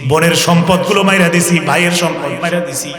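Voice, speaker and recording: A male preacher delivering a sermon. He chants verses melodically and swings between loud cries and low asides. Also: brisk, roomy sound, long reverb tail, a crowd in the background. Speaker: Islamic preacher.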